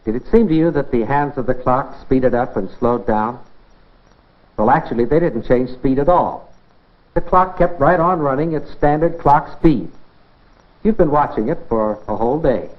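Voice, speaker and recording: Speaking at medium pitch and normal speed, an American man narrates a 1950s-style scripted educational science film. He teaches by addressing viewers directly and asking rhetorical questions, heard through a dull, band-limited soundtrack of that era.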